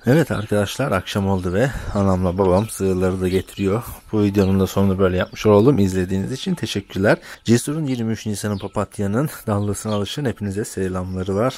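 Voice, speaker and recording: A man's voice: fairly low pitch, quick pace, few pauses, a little mellow. A man from Turkey vlogging outdoors on his village farm, chatting casually to viewers and talking fondly to his animals. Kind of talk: casual vlog narration.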